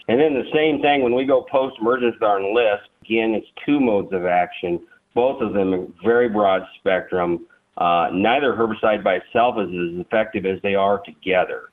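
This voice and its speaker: A man, an agronomy field specialist, heard over the phone in a farm radio interview, explaining things practically with brief restarts. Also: lowish voice. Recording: tinny phone line.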